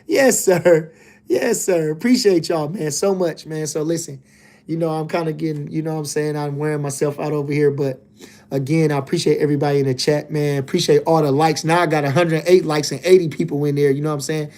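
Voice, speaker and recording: A man's voice: a little high, fairly even intonation, brisk, darkish tone. A man hosting a casual boxing livestream, reading chat comments and talking loosely with lots of filler phrases. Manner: laid-back, loose and rambling, lots of "you know what I'm saying".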